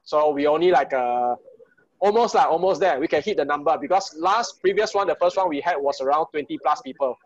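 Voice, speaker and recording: High-voiced Singaporean man on a dull call. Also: brisk. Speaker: host of an online group party. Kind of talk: casual, informal hosting with Singlish particles. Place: small room at home, on a video call. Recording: dull, lo-fi video call audio.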